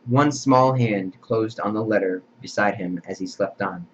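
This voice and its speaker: A man's voice: on the low side, measured pace, slight background noise. A man reading a novel aloud, with a plain delivery that stumbles and restarts, on a dull lo-fi recording. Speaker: amateur reader.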